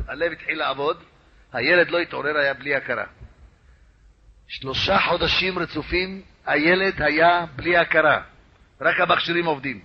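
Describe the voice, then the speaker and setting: A man's voice: fairly high pitch, a little hiss or hum. A man, a rabbi, telling a story as a sermon in a dramatic, repetitive way. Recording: lo-fi radio recording.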